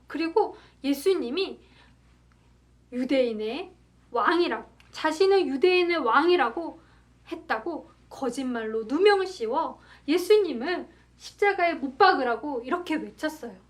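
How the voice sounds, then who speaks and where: High-voiced woman telling a children's sermon. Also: measured pace. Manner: animated storyteller, acts out crowd shouts; gentle, asks the children questions. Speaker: children's ministry preacher. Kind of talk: storytelling sermon for young children.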